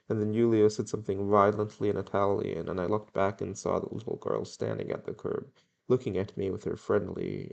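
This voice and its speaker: A man's voice: low-pitched, creaky, darkish tone, muffled recording. A young man reading a novel aloud in a plain way, with occasional stumbles and self-corrections. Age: young adult. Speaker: reader.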